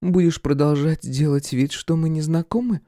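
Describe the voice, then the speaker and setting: Audiobook: male reader doing a prickly ex-girlfriend, high and snappish, warm dark tone. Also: fairly even intonation, normal speed, no echo, clean studio sound, close to an everyday voice. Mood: snippy. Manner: snippy, hissing. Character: bitter young woman, Max's ex, sharp-tongued.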